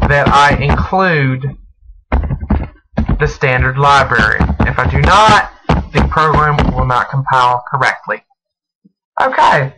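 A man narrating a step-by-step programming screencast, speaking in halting, deliberate phrases as if dictating while he types. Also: a little high. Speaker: programming tutorial presenter. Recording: noisy home recording with mouse and key clicks. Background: clear background noise, clicking.

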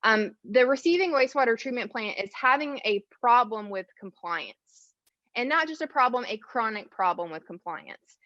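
A woman speaks over a conference call, her voice muffled and dry with no room around it. She addresses a city council in an earnest, measured way, laying out her points and then asking pointed questions. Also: on the high side, lively intonation, bright, forceful tone, no echo. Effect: heard over a conference call. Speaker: environmental advocate giving public comment. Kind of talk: prepared public comment to a city council. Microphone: video call.

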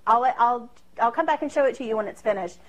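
Speaking fast and fairly high, this woman in her thirties runs a casual cooking demo from a cramped home kitchen. Her chatter pokes fun at herself, with plenty of fillers and laughs, while a camera on the far side of the room picks it up in low-quality sound.

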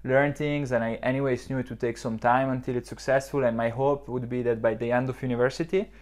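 A man's voice: medium pitch, steady tone, quick pace, darkish tone. A young man in his twenties from southern Switzerland, a startup founder answering reflectively in a podcast interview with lots of fillers, recorded on a lapel mic in an office lounge. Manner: reflective, many fillers and restarts. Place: modern office lounge, indoors.

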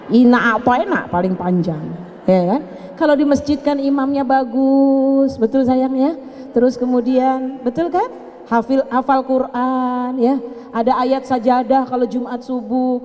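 An older woman with a high-pitched, darkish voice gives a sermon to a women's gathering in a mosque hall, where long reverb fills the recording along with a little hiss or hum. She is chatty and playful, teasing her listeners.

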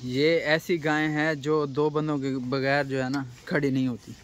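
Young man, slightly high voice, chatty farm-tour vlogger, outdoors with faint animal noise. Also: level tone, moderate pace. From Pakistan. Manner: chatty, guiding viewers, asks workers questions. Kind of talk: casual walking farm tour. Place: outdoor rural cattle farm.

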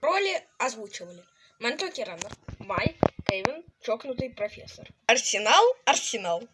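High-voiced woman reading credits. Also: sing-song, moderate pace. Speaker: animation creator reading credits. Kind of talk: plain credits narration. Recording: noisy home recording with clicks.

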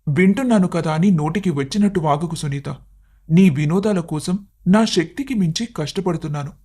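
A man voicing a patient young husband in an animated story, reasoning and pleading with his wife, now and then angry. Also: sits high, normal speed, breathy edge. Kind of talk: animated cartoon story voice acting.

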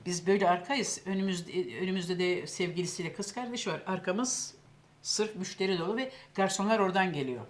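An older woman who hosts a cooking show casually tells a long anecdote, speaking fairly quickly in a lowish voice. A lively storyteller, she acts out what other people said.

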